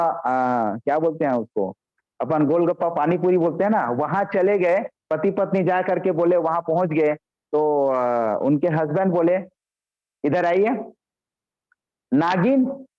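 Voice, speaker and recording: A man giving a motivational business training on a video call, repeating key points and often addressing his listeners directly. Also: high-pitched. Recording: dull lo-fi call audio.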